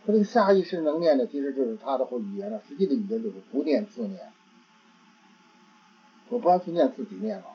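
Halting man giving a dharma talk. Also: a little high, big pitch swings, slightly rough. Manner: halting, repeats words while searching for phrasing. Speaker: Buddhist teacher. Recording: dull lo-fi recording.

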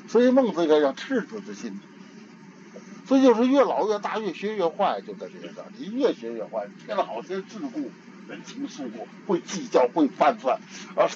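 An older man giving an informal Buddhist dharma talk, in a homely conversational way, often repeating and restarting his words. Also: on the high side. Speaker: Buddhist teacher. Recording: dull lo-fi archival tape with faint hiss.

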